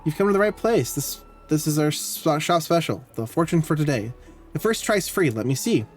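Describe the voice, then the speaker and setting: A man reading the lines of a male fortune-telling shopkeeper with a smooth sales pitch, in a plain voice. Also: big pitch swings, moderate pace, faint music behind. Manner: read aloud in a plain voice.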